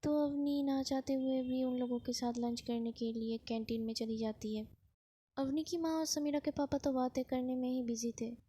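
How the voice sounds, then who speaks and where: A woman telling a romance story in a chatty, casual way, slipping English words into her sentences. Her voice is soft and mellow and sits a little high. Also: steady tone, moderate pace, a little hiss or hum.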